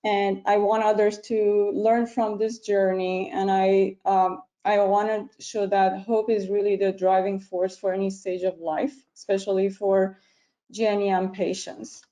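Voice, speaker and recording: A middle-aged woman from Iran, a physician, giving an earnest personal talk over a video call, pausing often with ums. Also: mid-range voice, level tone, warm tone, poor audio. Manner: earnest, halting with frequent ums. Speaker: physician speaker.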